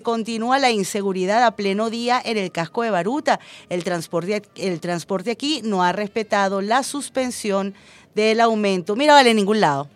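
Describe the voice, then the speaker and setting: A woman's voice: mid-range voice, dry recording. A Venezuelan woman hosting a radio show, talking in a chatty, emphatic way and often tagging her sentences with little questions. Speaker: radio host. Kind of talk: casual radio commentary. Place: radio studio.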